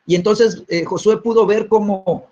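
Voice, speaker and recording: A man's voice: high-pitched, fairly even intonation, normal speed, mellow. A man preaching a sermon, dropping tag questions after nearly every phrase and repeating words as he restarts. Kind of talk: sermon teaching. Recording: dull lo-fi recording.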